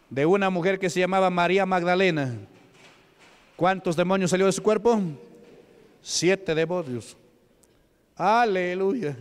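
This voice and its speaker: A man's voice: high-pitched, smooth. A male deacon from Peru preaching a Pentecostal sermon, asking the congregation questions and answering them himself, punctuating with hallelujahs. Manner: punctuates with "aleluya". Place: church hall. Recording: reverberant church hall.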